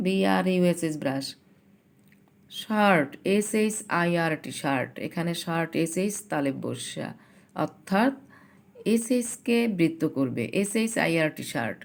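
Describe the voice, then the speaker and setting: A woman with a Bangladeshi accent teaching an English lesson to young pupils, spelling words letter by letter and reading English sentences slowly. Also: fairly low pitch. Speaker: primary school English teacher. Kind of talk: recorded classroom lesson.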